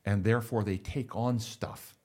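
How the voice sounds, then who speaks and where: A man speaking as a counselor, explaining ideas in a measured, earnest way and telling illustrative stories. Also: lowish voice, steady tone, a little mellow. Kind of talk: conversational explanation.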